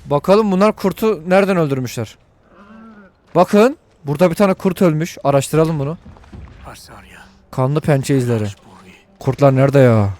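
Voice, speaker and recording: A man giving let's-play commentary to viewers while he plays, excitable and full of crude jokes and swearing. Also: on the high side, moderate pace, pauses often. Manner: talks to viewers while playing. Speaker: gaming video host.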